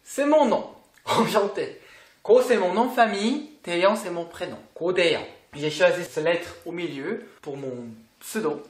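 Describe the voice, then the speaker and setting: Slow, patient teacher. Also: mid-range voice. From South Korea. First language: Korean. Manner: patient, repeats sounds and checks in often. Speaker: language teacher. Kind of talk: online lesson. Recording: roomy echo.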